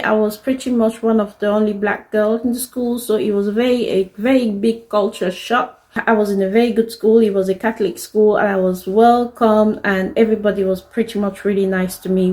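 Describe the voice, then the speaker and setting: A woman in her thirties, a native French speaker, talks straight to the camera about her own life. Her voice sits at a middling pitch, and her delivery is earnest, candid and heartfelt, like a personal video diary. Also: a little mellow, rough recording. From DR Congo. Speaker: fashion designer telling her life story.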